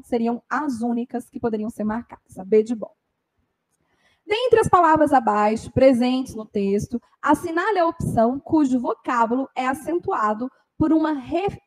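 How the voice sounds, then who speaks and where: A woman teaching a grammar lesson for exam preparation, explaining step by step and often checking in with a quick "tá?". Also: high voice, darkish tone, low-quality recording. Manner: explanatory, frequent "tá?" tag questions.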